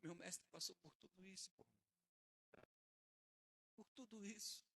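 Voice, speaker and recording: High-voiced, bright preacher man. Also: fairly even intonation, unhurried, vocal fry, slight background noise, rough recording. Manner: emphatic, swings between hushed and loud. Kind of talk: sermon.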